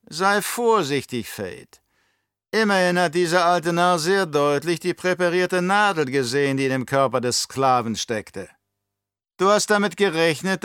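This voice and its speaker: A man voicing a scheming old baron with a slow, mocking, condescending delivery in an audiobook. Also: high voice, fairly bright tone, clean tone, no room sound, clean studio sound, pitched above the performer's own voice. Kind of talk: audiobook character voice.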